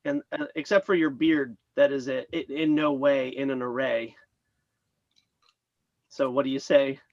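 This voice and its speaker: A man's voice: medium pitch, steady tone, unhurried, no echo, highs cut off. A man joining a casual chat as a guest comedian over a call, tossing in dry one-liners.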